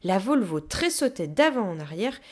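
A woman narrating a children's storybook aloud in an expressive, animated way. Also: mid-range voice, moderate pace. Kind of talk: storybook reading.

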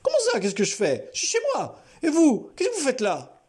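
A man's voice: very high voice, wildly swooping pitch, brisk, darkish tone, breathy edge, pitched above the performer's own voice, heavily acted. Man doing a brash, taunting young father. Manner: taunting, contemptuous. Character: burly young menacing father, brash and mocking.

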